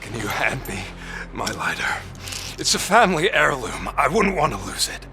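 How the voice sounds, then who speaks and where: An actor playing a manipulative criminal villain in a video game, sly, needling and coaxing. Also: male voice, mid-range voice, sing-song, moderate pace, vocal fry, sharp tone, soft background music, full character voice. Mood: smug.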